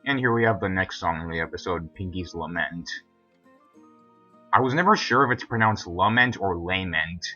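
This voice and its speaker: Low-voiced young man rambling commentary. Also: expressive, a little fast, sharp tone, lo-fi sound, faint music behind. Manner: rambling, filler-heavy, chatty. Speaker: episode commentator. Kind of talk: casual video commentary.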